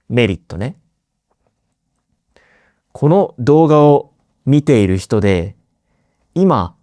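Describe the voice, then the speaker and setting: Guy doing a slow teaching podcast, warm smooth voice, dry close sound. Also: medium pitch, dry recording. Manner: slow, carefully enunciated, repeats key words. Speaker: Japanese teacher and podcast host.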